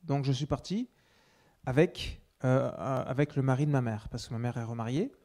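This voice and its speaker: A male preacher recounts a personal testimony to his congregation in a mellow, dark voice. He often restarts his phrases, and his volume rises for emphasis before dropping to quiet asides. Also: medium pitch, moderate pace. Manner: storytelling with many restarts, swings between loud and hushed.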